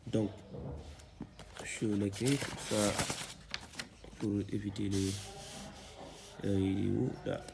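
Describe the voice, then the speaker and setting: A man teaching a reading lesson, slowly sounding out syllables and repeating them patiently. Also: on the low side, little pitch movement, gravelly, noisy background.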